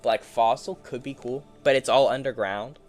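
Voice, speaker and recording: A man's voice: medium pitch, steady tone, moderate pace, a little mellow, soft background music. A man giving casual solo commentary while he plays a game, rambling to himself in a playful, easily amused way. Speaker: gaming streamer.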